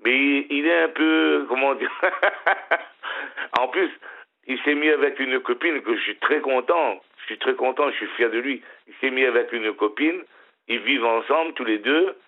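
A man's voice: medium pitch, normal speed. Middle-aged male caller, smiling, stop-start delivery; thin phone-line audio. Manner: hesitant, repeats and restarts words. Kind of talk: casual phone-in chat. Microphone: telephone.

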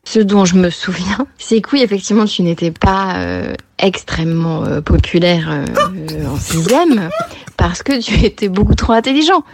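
Low-voiced woman, noisy voice message. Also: animated, moderate pace. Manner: hesitant, amused. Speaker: former classmate in a voice message. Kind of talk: recorded voice message.

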